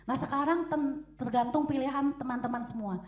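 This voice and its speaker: A young woman preaching a lively sermon in a church hall, acting out quotes and echoes. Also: sits high, fairly quick.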